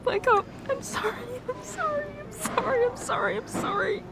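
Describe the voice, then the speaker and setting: Through heavy background noise, a woman with an extremely high-pitched voice performs an emotional ASMR roleplay confession. She is tearful and crying, halting as she repeats words and breaks off.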